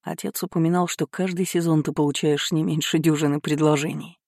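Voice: medium pitch, fairly even intonation, brisk, a little mellow, dry recording, clean studio sound, close to an everyday voice. An audiobook reader voicing a sardonic young marquis who teases his sister. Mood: joking. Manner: wry, mocking. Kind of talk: audiobook character reading.

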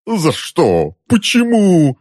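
A man's voice: medium pitch, very animated, normal speed, a little mellow, slightly rough, no room sound, studio quality, voice pushed up. A man voicing a pampered middle-aged uncle under a curse, who whines, pleads and wails in a raised, strained voice. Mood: wailing. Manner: whining, pleading, wailing. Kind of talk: audiobook character voice.

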